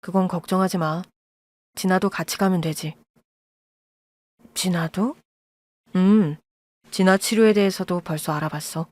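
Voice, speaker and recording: A woman voicing a calm, protective adult son who speaks low and steady, in an audio drama. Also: measured pace, pauses often, no echo. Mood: gentle. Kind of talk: Korean audio-drama acting.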